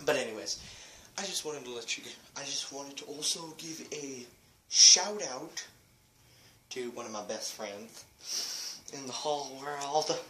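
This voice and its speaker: Young male host, out of breath, halting and self-mocking, slow delivery, built-in mic in an echoey room. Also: mid-range voice, pushed and bright. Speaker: channel host. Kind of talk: casual channel update. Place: small room with echo. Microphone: built-in device mic. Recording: echoey room, faint hiss.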